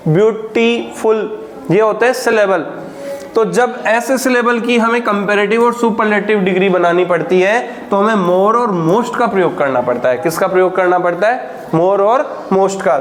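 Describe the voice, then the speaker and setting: A man teaching a grammar lesson, dictating examples slowly and answering his own questions. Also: high-pitched, a little hiss or hum.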